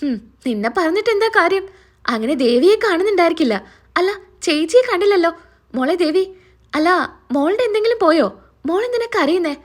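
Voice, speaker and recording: A woman's voice: very high-pitched, expressive, normal speed, long pauses. A woman voicing a stern, protective middle-aged family man who scolds his household. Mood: scolding. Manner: scolding yet fatherly.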